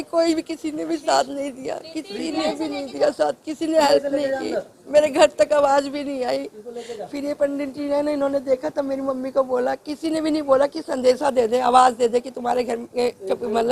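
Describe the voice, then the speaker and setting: High, gravelly woman recounting an accident. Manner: recounts events step by step, acts out shouts. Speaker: eyewitness. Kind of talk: news interview testimony.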